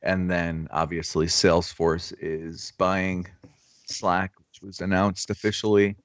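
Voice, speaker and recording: A man's voice: low voice, flat delivery, slow pace, dry recording, highs cut off. A man hosting a casual trading livestream, teasing his co-hosts and swearing freely. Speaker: stock trading stream host. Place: home, in Florida.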